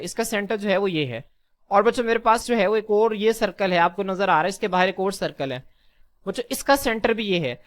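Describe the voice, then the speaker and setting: A man teaching a class lesson, calling his listeners children, posing questions and answering them himself, and slowly repeating key terms. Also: very high voice, fairly bright tone. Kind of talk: classroom lecture.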